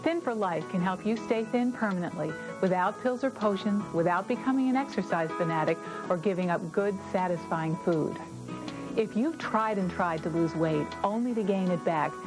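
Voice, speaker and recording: Woman's infomercial pitch over music. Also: normal speed. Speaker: nutritionist and author promoting own book. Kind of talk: scripted infomercial sales pitch. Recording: music bed behind voice.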